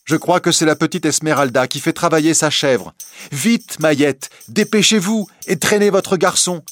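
A man doing an excited young townswoman. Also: on the high side, clean tone, dry recording, soft background music, voice pushed up, lightly acted. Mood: eager. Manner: excited, quick. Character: eager young townswoman hurrying to the square.

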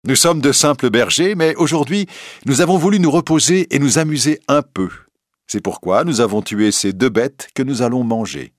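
A man voices a bold, generous young-adult outlaw, using a mid-range, lively voice pitched above his own natural one yet still close to everyday speech, at a moderate pace. The clean, dry studio recording captures the character's assured, mocking tone and confident, mockingly polite manner.

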